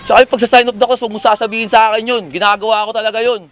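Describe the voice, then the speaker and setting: A man with a fairly high voice delivers freestyle battle banter. He talks conversationally, teasing and swearing as he goes. Faint urban and vehicle noise sits behind him. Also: little pitch movement, rapid-fire. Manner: teasing, profane. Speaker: battle rap contestant. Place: live battle rap event. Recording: noisy urban ambience with vehicles.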